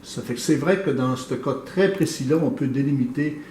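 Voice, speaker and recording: A man who explains his painting thoughtfully and hesitantly, with many pauses. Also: medium pitch, darkish tone, slight background noise. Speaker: painter, interview guest. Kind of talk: casual explanation. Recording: echoey room, mic at a distance.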